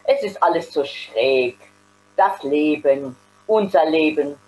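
A woman's voice: low-pitched, animated, slow, dark tone, poor audio. A woman reading aloud voices a defensive, musing jobless man in a story.

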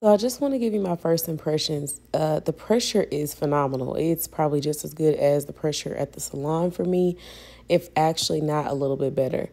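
A woman's voice: low-pitched, fairly quick, warm tone, slight background noise. A young adult woman narrating her vlog in a chatty, friendly way, talking to her viewers as y'all while she shows a setup. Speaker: vlogger and hairstylist. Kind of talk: casual voice-over vlog narration.

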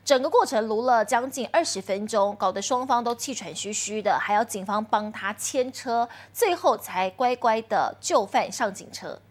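A woman's voice: fairly high pitch, moderate pace, few pauses. A young Taiwanese woman presenting scripted news as an anchor in a television studio.

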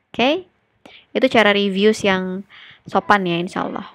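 A woman's voice: medium pitch, no room sound. A young adult woman teaching an English lesson in a chatty, casual way, slipping English phrases into her explanations.

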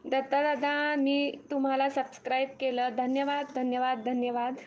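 A woman's voice: high-pitched, flat delivery, normal speed, muffled recording, a little hiss or hum. A young woman hosting a casual live stream from her farm home, reading viewers' comments aloud and thanking each by name. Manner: greets viewers one by one, reads comments aloud, repeats thanks. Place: farm home with cattle shed nearby.

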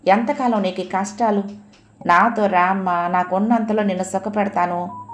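A woman's voice: mid-range voice, steady tone, normal speed, a little hiss or hum, natural voice. A woman reading an audio novel, voicing a bitter, resentful young working daughter who talks bluntly and reproachfully.

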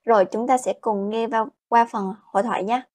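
Woman, Chinese teacher, fairly high voice, slow modeled phrases, lesson style. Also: fairly even intonation, a little mellow. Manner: explains in Vietnamese, models Chinese slowly, keeps asking "Được chưa?". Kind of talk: language lesson.

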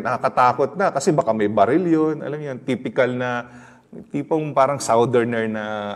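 Man, Filipino accent, pastor, storytelling sermon, mid pitch, hall reverb. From Philippines. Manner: mixes English into Tagalog, chatty storytelling with laughs and audience questions.

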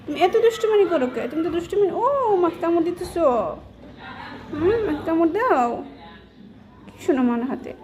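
A woman coos at her cats in fond baby talk, asking them the same soft questions over and over. Her voice sits high. A faint hiss runs under the home recording. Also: lively intonation, brisk, long pauses. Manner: cooing, coaxing, repeating questions. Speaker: cat owner.

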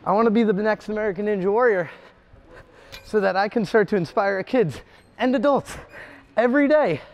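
High-voiced young man, earnest audition. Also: a little fast. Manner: earnest and determined. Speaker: ninja obstacle competitor and coach. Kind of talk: audition tape monologue.

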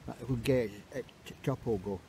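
A man at a night churchyard vigil, explaining ghost-hunting gear in halting, restarting phrases. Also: mid-range voice, dark tone, a little hiss or hum. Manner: halting, restarts mid-word.

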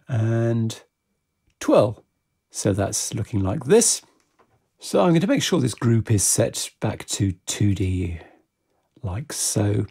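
This unscripted software walkthrough is led by a man whose husky, gravelly voice sits at medium pitch. He talks through every step carefully while he works.

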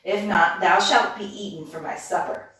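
A woman voicing a ravenous, menacing old witch who gives loud commands in old-fashioned speech, in a storybook reading. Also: mid-range voice, steady tone, normal speed, natural voice. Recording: echoey room from far off.

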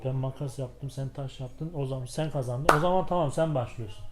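A man hosting a vlog, bantering casually in slang with a boisterous, loud manner. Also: medium pitch, fairly quick, heavy background noise. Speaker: vlog host.

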